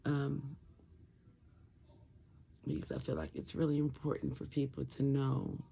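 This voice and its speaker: A vlogger in their late twenties speaks slowly in a husky, gravelly voice. The throat sounds swollen and sore after tonsil removal, so words come out thick and muffled. The delivery is tired, rambling and dull-edged. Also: medium pitch, flat delivery, warm tone. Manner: halting, rambling. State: tired, medicated, in throat pain. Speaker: vlogger sharing surgery recovery. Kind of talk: casual talk to camera. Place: room at home.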